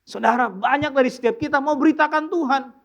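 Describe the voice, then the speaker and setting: A man preaching a sermon in church as pastor, telling humorous stories with sudden loud outbursts and quiet asides. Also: extremely high pitch, fairly quick. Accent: Indonesian.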